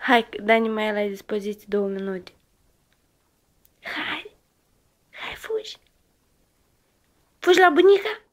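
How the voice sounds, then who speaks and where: A woman's voice: medium pitch, sing-song, pauses often. A woman in a home video, coaxing a toddler with playful, sing-song baby talk.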